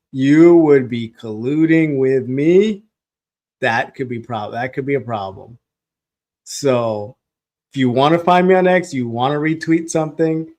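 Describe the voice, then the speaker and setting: Male stream host, casual and rambling, chuckles often, mid-pitched everyday voice. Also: a little mellow. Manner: rambling, restarts often, laughs between phrases. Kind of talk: casual live reaction stream.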